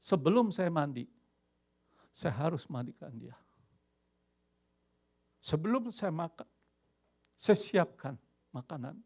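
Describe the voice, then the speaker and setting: An older pastor from Indonesia preaching with lively energy. His voice sits a touch high with a gravelly edge. He weaves English phrases into his sermon. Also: takes it slowly, long pauses.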